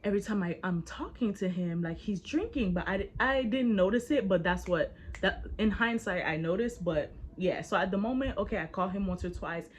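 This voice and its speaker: A woman in her twenties telling a casual storytime to her viewers, animated and slangy, speaking straight to the audience. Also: mid-range voice, moderate pace, few pauses, a little hiss or hum. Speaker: storyteller, vlogger.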